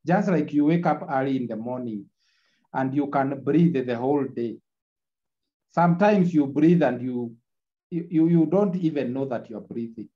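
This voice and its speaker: A man gives an online lecture, captured in a screen recording of the video call. His voice is dark and mellow, and the audio is muffled and lo-fi. He repeats key lines and keeps checking in with the class. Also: mid-range voice, normal speed. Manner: repetitive, checks in with tag "eh?".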